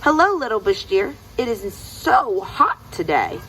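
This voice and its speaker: A woman's voice: on the high side, big pitch swings, measured pace, a bit bright, a little hiss or hum, exaggerated voice, rough recording. A woman voicing Anansi's part in a children's storybook, a sly male trickster with a coaxing, insistent way of talking. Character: sly lazy trickster spider Anansi, eager and pushy, male.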